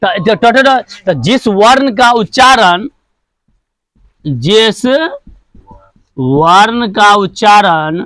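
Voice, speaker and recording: A man with a rather high voice teaches a grammar lesson at an unhurried pace. He goes over each point again and again and keeps asking questions that he answers himself. The sound is close and dry. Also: expressive, sharp tone, no echo. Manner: repetitive, asks and answers his own questions; drills sounds one by one.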